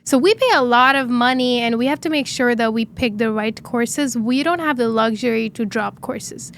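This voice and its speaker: Earnest young woman founder with a higher voice. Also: moderate pace, slight background noise. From Dubai. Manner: earnest, animated storytelling with many fillers. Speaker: startup founder guest. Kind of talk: interview conversation.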